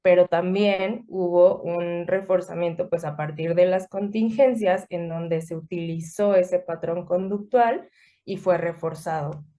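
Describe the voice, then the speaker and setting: A woman explaining a clinical case in a measured way, with frequent fillers. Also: fairly low pitch, steady tone, mellow. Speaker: psychotherapist guest.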